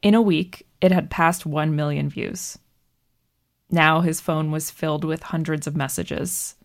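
Female narrator, deep with vocal fry, measured scripted news storytelling. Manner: measured, even storytelling delivery.

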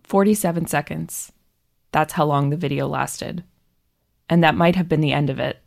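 A woman narrating a true story in a measured, scripted delivery. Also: low-pitched, fairly even intonation, creaky.

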